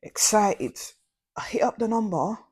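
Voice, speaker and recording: A young woman telling a slangy, animated storytime vlog. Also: medium pitch, unhurried, slightly rough. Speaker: vlogger.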